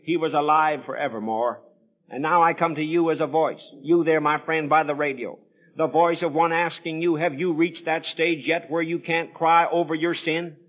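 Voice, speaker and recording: This is a man's voice of fairly high pitch, steady in tone and moderate in pace, preaching over the radio. He tells Bible stories as a dramatic evangelistic sermon, solemn, pleading and theatrical, using formal, old-fashioned scriptural language.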